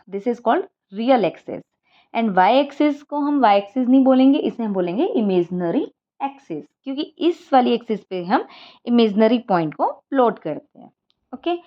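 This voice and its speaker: A woman's voice: sits high, highs cut off. A woman maths teacher, explaining a lesson step by step and often checking that students follow.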